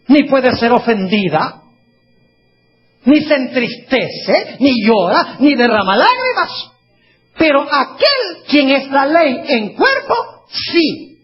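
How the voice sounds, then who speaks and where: Husky man preaching a sermon. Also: very high voice. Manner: asks the audience questions, reads scripture slowly. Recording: dull lo-fi recording.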